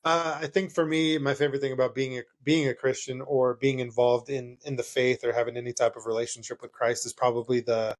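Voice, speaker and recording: A band member from California, USA, whose first language is Spanish, answers interview questions loosely and ramblingly, correcting himself, restarting, and laughing often. His mid-range voice is flat and fairly quick, with hardly any pauses.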